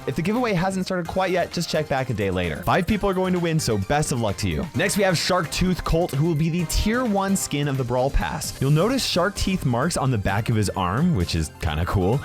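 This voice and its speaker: Animated man hosting gaming news. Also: a little high. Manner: emphatic, conversational, with tag questions. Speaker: gaming video host. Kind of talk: casual gaming news commentary.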